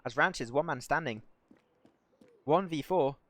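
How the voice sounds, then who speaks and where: A man casting a live mobile shooter match, excitable and rising to near shouts on big plays while chatting to viewers. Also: on the high side, measured pace, no room sound. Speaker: esports caster. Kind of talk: live game commentary.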